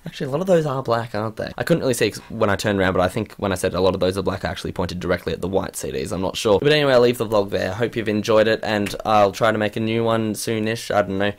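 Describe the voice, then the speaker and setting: A rapid-fire young man in his late teens talks straight to camera in a casual vlog. He rambles from one thing to the next and pokes fun at himself. He keeps catching himself mid-word and starting over. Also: on the low side. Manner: rambling, self-deprecating, trips over his words. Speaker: vlogger.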